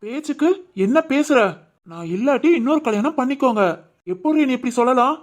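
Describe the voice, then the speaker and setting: A performer voicing a young husband in an animated family story, scolding insistently in southern Tamil Nadu village speech. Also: high-pitched. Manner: scolding, insistent, drawn-out questioning. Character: young husband, teasing then stubborn, hot-tempered. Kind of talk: animated family drama dialogue.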